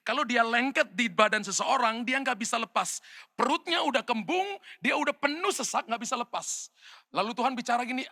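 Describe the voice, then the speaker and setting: A man with an Indonesian accent preaches a sermon, telling stories in a high, sharp voice. He keeps turning to the congregation with "saudara." His voice rings out with a long reverb in a church hall. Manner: storytelling, addresses the congregation as "saudara". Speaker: pastor.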